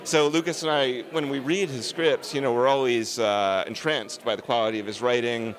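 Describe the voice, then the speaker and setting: A man's voice: medium pitch, fairly even intonation, moderate pace. A man, a film director, answering interview questions on a red carpet in an earnest, emphatic, discursive way.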